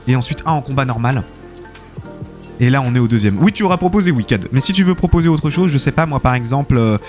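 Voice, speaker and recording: A man hosting a live game stream, commentating matches and reading out chat, chatty and full of fillers, thanking viewers often. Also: fairly high pitch.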